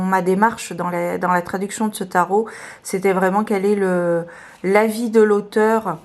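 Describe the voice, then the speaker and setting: A woman chats casually about her tarot decks, pausing often with fillers and restarting her sentences. Her voice sits at an ordinary middle pitch and sounds a little hoarse. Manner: hesitant, many fillers and restarts. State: slightly hoarse, clearing her throat. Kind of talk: casual video presentation.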